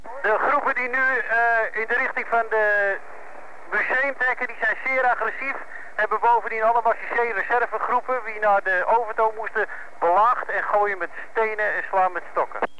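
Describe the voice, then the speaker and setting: Bright-voiced man over police radio. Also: high-pitched, fairly even intonation, moderate pace. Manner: clipped radio procedure, ends each call with "over". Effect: police two-way radio. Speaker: police officer reporting by radio. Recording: muffled lo-fi radio with static hiss.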